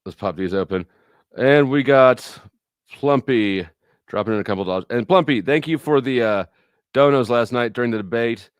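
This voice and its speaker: A middle-aged man hosts a livestream at a normal speed, his medium-pitched voice clean-toned and without echo. He talks with viewers in a casual, rambling, blunt manner, swearing some and telling anecdotes.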